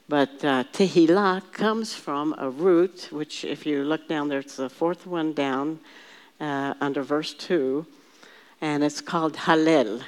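Woman patiently teaching a Bible class. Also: low voice. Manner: patient, explains word by word, leads the group in repeating terms; thinks aloud with frequent restarts and fillers.

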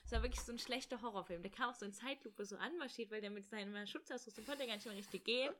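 A young woman in casual chat, telling a travel story in an animated way and acting out the voices of people in it. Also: fairly high pitch, slight background noise. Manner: animated, rushed, acts out quoted voices. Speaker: storyteller guest.

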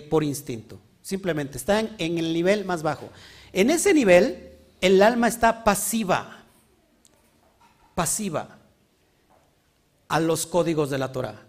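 A man's voice: high voice, measured pace. A man preaching a sermon, asking his listeners frequent questions. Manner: animated, asks the congregation questions often. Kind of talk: sermon teaching.

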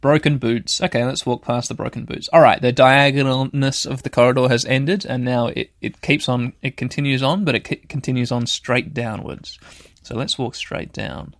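A man with a medium-pitched voice talks through a video game in a dry-sounding space. His delivery is casual and rambling, with halting phrases as he thinks aloud and describes each move. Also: steady tone, dry recording. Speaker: host of a gaming show. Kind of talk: casual let's play commentary. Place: shed.

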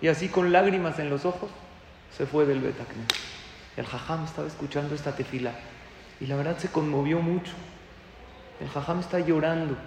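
A man telling a story in a sermon, animated and stressing phrases with drawn-out emphasis. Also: a little high. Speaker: rabbi giving a talk. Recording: echoey hall with faint noise.

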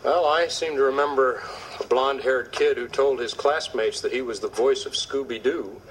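An actor playing a patient, gently teasing father in a sitcom, calm and reasoning. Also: mid-range voice, moderate pace, lightly acted. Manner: calm, reasoning, mildly wry. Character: patient, gently teasing middle-aged dad. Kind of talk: 1980s sitcom acting. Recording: noisy old TV soundtrack.

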